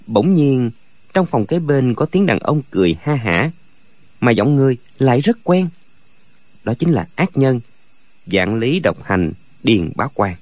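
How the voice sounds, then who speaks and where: A man reading a martial-arts novel aloud as a narrator, with expressive storytelling. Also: medium pitch, no room sound. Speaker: audiobook narrator. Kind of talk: scripted narration.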